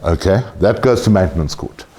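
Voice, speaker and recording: A man's voice: low voice, expressive, brisk, dark tone. A man lecturing a class on tax, blunt and joking, swearing casually.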